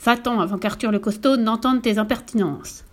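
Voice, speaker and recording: Lady putting on a puffed-up circus ringmaster, drawn-out showy announcing, high-ish. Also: close to an everyday voice. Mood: angry. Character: pompous, grumpy male circus ringmaster. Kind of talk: storybook reading.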